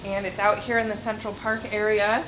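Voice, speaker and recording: A woman's voice: mid-range voice, flat delivery, brisk, a bit bright, slight background noise. A young woman co-hosting a travel vlog, chatting in a bubbly way and often saying "like". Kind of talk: casual chat. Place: aboard a cruise ship, indoors.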